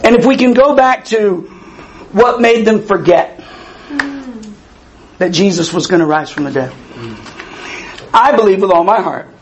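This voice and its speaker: A man's voice: high-pitched, expressive, a little slow, pauses often, a little hiss or hum, rough recording. A man in his fifties with a wheezy voice, preaching conversationally and emphatically, repeating key phrases and putting questions to his listeners. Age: 50s. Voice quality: wheezy breathing from a past tracheotomy. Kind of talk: animated conversational sermon to a congregation.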